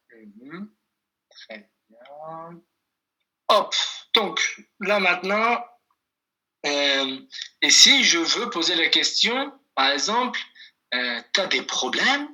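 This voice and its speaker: Slow, bright-toned patient language teacher. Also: male voice, on the high side. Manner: slow and patient, repeats phrases, calls on students by name. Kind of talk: online class teaching. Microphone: video call.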